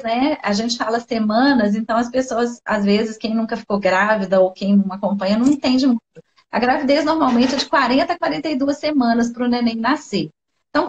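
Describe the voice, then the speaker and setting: A woman with a Brazilian Portuguese accent, a guest sharing a personal story with heartfelt emotion on a video call, often saying "né" and "sabe". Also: a little high. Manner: heartfelt, tearful at times, fills speech with "né" and "sabe". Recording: dull lo-fi live stream audio.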